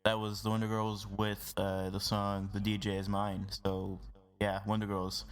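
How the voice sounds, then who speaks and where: A man's voice: on the low side, completely flat delivery, moderate pace. A man hosting a casual podcast, talking loosely with lots of fillers. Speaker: podcast host.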